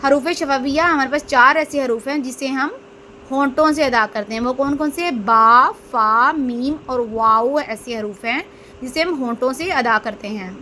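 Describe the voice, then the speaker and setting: Female Quran tutor, high voice, slow patient drilling, faint hiss behind. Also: bright, forceful tone. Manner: drills letters aloud, drawn out and stressed; asks questions then answers them herself. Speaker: Quran reading teacher. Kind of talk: slow step-by-step lesson.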